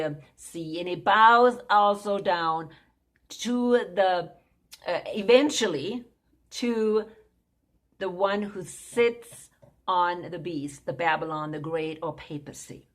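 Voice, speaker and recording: A woman giving an informal Bible prophecy lesson, talking conversationally, repeating her points and checking in with "okay?". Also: medium pitch. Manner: conversational, keeps asking "okay?".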